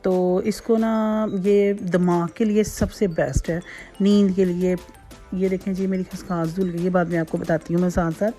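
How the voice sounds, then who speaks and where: A woman's voice: on the low side, flat delivery, moderate pace, dark tone, soft background music. A woman, hosting a casual home cooking tutorial from her kitchen in a chatty, repetitive way with homely asides. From Pakistan. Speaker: cooking channel host.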